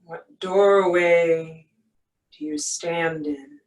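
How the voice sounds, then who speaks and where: A soothing yoga-teacher voice leading a guided meditation at an extremely slow pace, with long pauses between phrases. The pitch sits in a middle range, and the sound is roomy and set back from the microphone. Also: steady tone. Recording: echoey room, distant from mic.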